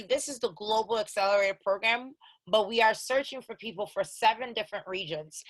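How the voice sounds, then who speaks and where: A woman in her thirties from Haiti, speaking with an American accent, delivers an online program orientation as an accelerator co-founder, conversational and direct and repeating key instructions. Her medium-pitched voice sounds pushed and bright, on a dry recording with poor audio.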